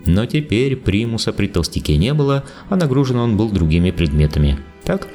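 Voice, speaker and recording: A man narrates an audiobook in an expressive literary reading style. His voice sits low but moves with a lively, wide melody. Faint music plays beneath.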